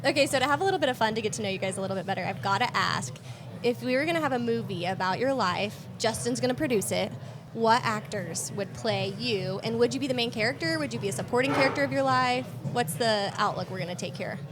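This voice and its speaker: A woman's voice: fairly high pitch, fast talker. A woman hosting a podcast with casual, playful, teasing interview banter. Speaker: podcast host. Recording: noisy room ambience behind voice.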